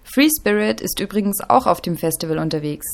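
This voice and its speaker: Medium-pitched woman hosting youth radio. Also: expressive, a little fast, vocal fry. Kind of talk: scripted radio presenting.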